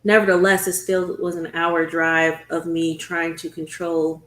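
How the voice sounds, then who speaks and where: A woman's voice: lowish voice, little pitch movement, fairly bright tone, roomy sound. A woman talk show host telling the story of her own illness in an earnest, conversational way. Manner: earnest, storytelling, slows down at hard moments.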